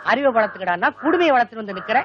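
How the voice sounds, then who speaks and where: A man's voice: high voice, animated, rapid-fire. An actor playing an exasperated village father who scolds his son. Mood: scolding. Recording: muffled old film soundtrack.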